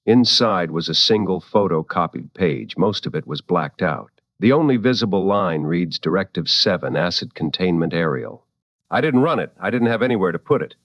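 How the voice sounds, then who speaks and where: In a radio drama, a veteran late-night paranormal show host speaks in a fairly low, dry, close voice, deliberate, firm and wry, and protective of his listeners. His delivery is expressive yet grave, recorded lo-fi with no room sound.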